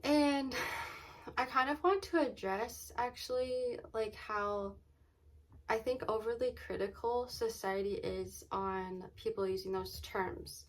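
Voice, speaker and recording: A woman chatting casually in a vlog, often saying "like" and "um" and pausing to think aloud. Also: on the high side, rough recording. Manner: says "like" and "um" very often as filler; halting, thinking aloud, trailing off mid-sentence. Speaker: vlogger.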